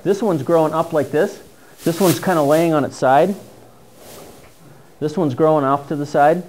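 Recorded from a far camera in low quality, this middle-aged man speaks with a New England accent in a voice on the high side, darkish in tone, at a moderate pace. He's a mushroom foraging instructor, chatty and enthusiastic, casually talking over slides in a dim classroom with a projector screen.

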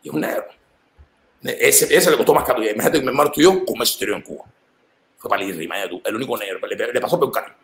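A man with a Cuban accent talks quickly and with strong emphasis in a loose, casual conversation. His voice rises and falls sharply as he presses his points, and an echoey room surrounds him. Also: gravelly. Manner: animated and emphatic, with big swings in pitch.

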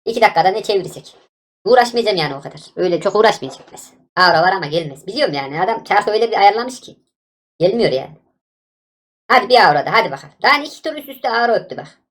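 A woman giving live gameplay commentary as a gaming YouTuber, excitable and exasperated, shouting back at the game. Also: mid-range voice, racing.

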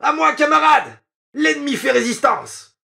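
A man voicing a coarse young cavalry soldier who shouts and teases in a raised, strained pitch. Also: a little slow, creaky, exaggerated voice. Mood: excited. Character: rough, loud young cavalry soldier, mocking.

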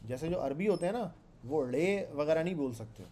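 A man's voice: a little high, lively intonation, brisk, dark tone, slight background noise. A man with a Pakistani Urdu accent giving a classroom programming lecture in a conversational way, often asking the class questions and repeating his points. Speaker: programming instructor. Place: classroom with students.

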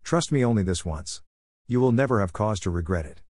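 Scared young wife begging desperately, a guy reads her, lowish dry voice. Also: expressive, fairly quick, a little mellow, no room sound. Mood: pleading. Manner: pleading, desperate entreaty. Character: frightened young wife hiding a secret. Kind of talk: audiobook character reading.

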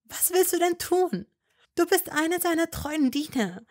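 A woman's voice: very high voice, expressive, measured pace, darkish tone, pitched above the performer's own voice. A woman reading a fan story and voicing a desperate young witch who presses and pleads insistently. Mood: urgent, challenging. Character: desperate, stubborn young witch held captive.

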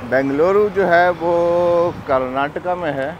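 A man's voice: fairly high pitch, highs cut off. Middle-aged man vlogging on a busy street. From Pakistan. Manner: unhurried, chatty, many fillers. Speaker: travel vlogger. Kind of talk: casual walking vlog narration. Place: busy city street outdoors. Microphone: clip-on lapel mic. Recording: outdoor street noise. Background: street traffic.

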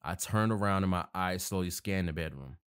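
A man's voice: low voice, brisk, clear, resonant tone. A man narrating a horror story, reading casually with self-corrections and joking asides.

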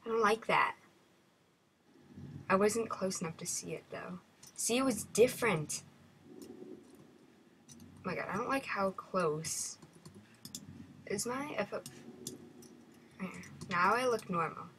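A woman's voice: mid-range voice, animated, slow, long pauses, rough recording. A woman giving horror game commentary, nervous and jumpy, often dropping into half-whispered asides. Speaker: gamer. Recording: loud background noise.

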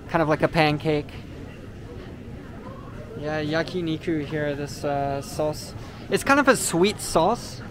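A man whose voice is a little high hosts a vlog, giving a casual walking tour of a large indoor supermarket and explaining products as he goes. He's relaxed and explanatory, with frequent "uh" fillers. The recording, made on a handheld camera mic while walking, carries noisy store ambience.

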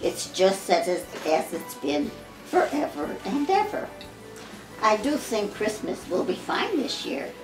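An American grandmother in her eighties reads a Christmas poem to her family in a mid-range voice, measured and expressive like a storybook reading, stumbling now and then. It's recorded in a roomy living room at home, with music playing behind her.

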